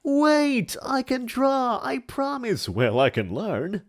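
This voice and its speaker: A man's voice: extremely high pitch, huge pitch swings, takes it slowly, voice pushed up, exaggerated voice. A man voicing a pompous, menacing, melodramatic older man in a hammy stage-actor manner for a comic dramatic reading. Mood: pleading, melodramatic. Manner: hammy stage-actor delivery with grandiose emphasis.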